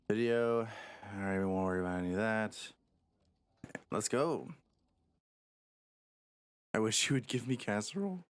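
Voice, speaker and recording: A man's voice: low-pitched, creaky. A man casually commentating a live game stream, rambling and thinking aloud as he talks to his viewers.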